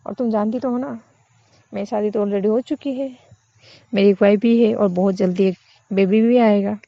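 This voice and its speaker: A woman voicing a calm, playful young woman who reassures her partner, in a dull, dry lo-fi recording. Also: medium pitch, moderate pace, gravelly, dry recording, lightly acted. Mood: reassuring.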